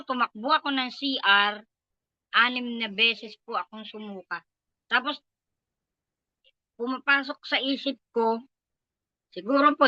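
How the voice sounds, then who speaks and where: A woman's voice: on the high side, pushed and bright, no room sound, muffled recording. An older woman with a Filipino accent, giving an earnest, emotional personal testimony at a prayer meeting. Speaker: church member giving testimony.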